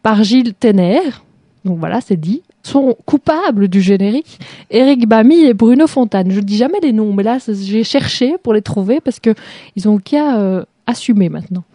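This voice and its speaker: A woman's voice: mid-range voice, animated, normal speed, dark tone, dry recording, clean studio sound. A woman hosting a chat show, mocking a TV series with sarcasm and frequent laughter. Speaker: show host reviewing a TV series. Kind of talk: casual critical chat.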